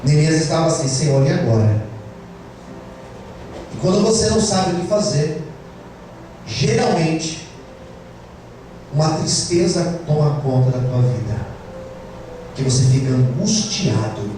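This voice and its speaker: This Brazilian man, speaking with a Brazilian Portuguese accent, is a pastor delivering an emphatic sermon and calling on the congregation for an amen. He talks a little slowly in a fairly high voice, leaving long pauses over background noise. The recording, made from a distance, captures the heavy echo of the church hall.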